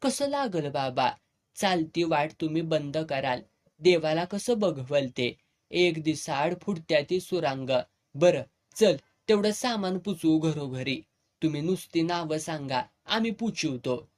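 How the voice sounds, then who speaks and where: A storyteller voicing a blunt, fatherly old village headman who talks gruffly in a rural Marathi village dialect. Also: medium pitch, lively intonation, unhurried, natural voice. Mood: expansive. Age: older. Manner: gruff, earthy, commanding.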